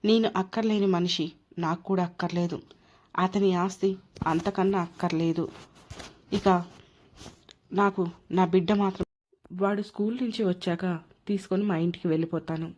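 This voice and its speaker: A woman's voice: fairly low pitch, steady tone, normal speed, pauses often, a little mellow, a little hiss or hum, lightly acted. A woman voicing a wronged young wife who is hurt, indignant and proud. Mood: resolute. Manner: tearful, indignant. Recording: dull lo-fi recording.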